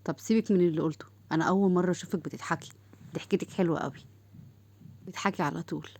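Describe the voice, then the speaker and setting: A woman's voice: lowish voice, fairly even intonation, very fast, darkish tone, breathy edge. A woman doing a teasing young man. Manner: joking, teasing.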